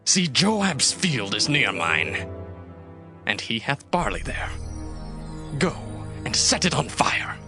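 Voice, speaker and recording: A man playing an ambitious, smooth-talking young prince in a dramatized Bible reading, with a theatrical, emphatic delivery. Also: medium pitch, big pitch swings, slow pace, long pauses, over music. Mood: commanding.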